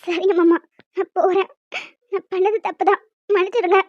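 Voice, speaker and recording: A woman voicing a meek, tearful young cartoon woman who pleads and apologizes, in a very high, small voice. The recording is dull, dry and lo-fi. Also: little pitch movement, moderate pace, no room sound. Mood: pleading.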